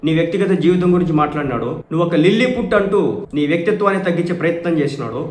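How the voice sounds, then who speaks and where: A man's voice: on the high side, expressive, very fast, reverberant. A man from Andhra Pradesh delivers emphatic political commentary, arguing with rhetorical questions.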